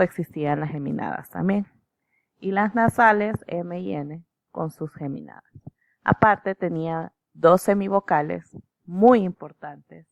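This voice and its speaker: Low, gravelly-voiced woman teaching. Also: dry recording, muffled recording. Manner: measured, explanatory, with fillers and "¿verdad?" checks. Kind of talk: recorded lecture on slides.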